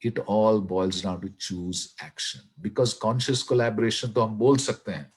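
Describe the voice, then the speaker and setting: Earnest Indian man, husky and low. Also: steady tone. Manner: earnest, slow and emphatic, mixing English with Hindi. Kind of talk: inspirational talk in a web broadcast.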